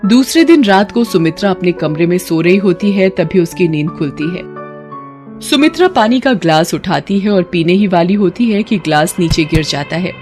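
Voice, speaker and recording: A woman narrating an animated horror story in a steady storytelling manner. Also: lowish voice, normal speed, faint music behind.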